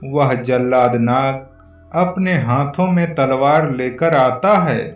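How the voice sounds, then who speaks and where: Male story narrator, slow, echoey and distant, light music under. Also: medium pitch, dull audio. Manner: measured, plain storytelling.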